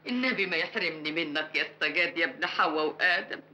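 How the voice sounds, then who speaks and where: A woman's voice: quick pace, bright, forceful tone, poor audio. Pleading Egyptian woman. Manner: pleading, blessing, low earnest tone. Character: worried pleading woman seeking a neighbor's help. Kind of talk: classic Egyptian film acting.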